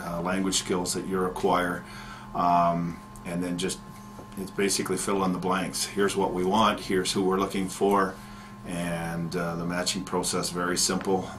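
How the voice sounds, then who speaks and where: A middle-aged man speaks in a very low, steady voice that barely rises or falls. He answers interview questions in a measured way, pausing on fillers and restarting phrases. A faint hum of ambience sits behind him. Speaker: county economic development manager.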